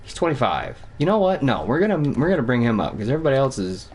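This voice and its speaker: A young man from Vermont talks through a hockey management game on stream. He rambles, curses now and then and thinks out loud, at a pitch that sits mid-range for a man. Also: very animated, fast talker, slightly rough. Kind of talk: casual gaming commentary.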